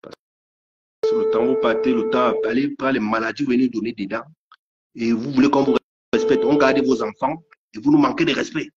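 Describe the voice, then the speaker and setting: A man's voice: medium pitch, steady tone, a little fast. A man ranting angrily on a live stream, stammering and repeating his threats. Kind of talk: angry live rant. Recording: dull lo-fi stream audio.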